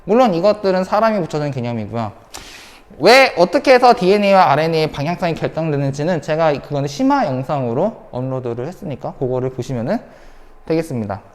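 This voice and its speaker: A woman's voice: low-pitched, expressive, quick pace, darkish tone, big-room sound. A woman teacher giving an online science lecture, repeating key points and asking the class rhetorical questions. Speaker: high school science teacher.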